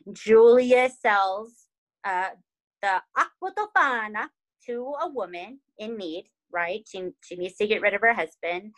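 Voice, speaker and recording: A young adult woman hosts a casual storytelling chat, animated and dramatic in her delivery. She leans on fillers like "like" and keeps asking "right?" to pull her listener along. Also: medium pitch, rough recording. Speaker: podcast host telling a true crime story.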